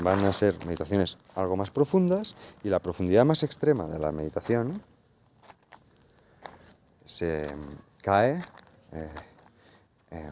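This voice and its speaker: A man's voice: fairly low pitch, darkish tone, a little hiss or hum. A man from Spain teaching a philosophy class to secondary students, explaining step by step with frequent fillers, restarts and check-ins. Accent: Spain Spanish. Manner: hesitant, many fillers and restarts; explains patiently, checks in with "¿vale?". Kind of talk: recorded class lecture.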